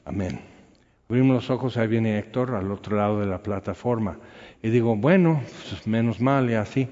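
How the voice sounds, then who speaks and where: A man, an evangelist telling his personal testimony in a rambling, animated way with many fillers. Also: lowish voice, fairly quick. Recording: lo-fi with long hall reverb.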